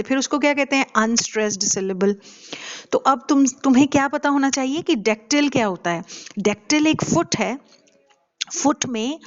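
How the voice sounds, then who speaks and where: A woman lectures slowly and carefully, stopping often on hesitant fillers and asking her class questions. Her voice sits a little high. The recording sounds dull and lo-fi. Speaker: English literature teacher. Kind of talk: lecture mixing Hindi and English.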